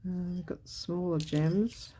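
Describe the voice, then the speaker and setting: A woman's voice: lowish voice, steady tone, takes it slowly, mellow, a little hiss or hum. A woman talking casually as she works on a collage for her craft video, thinking aloud and changing her mind. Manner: muses aloud while working, self-correcting.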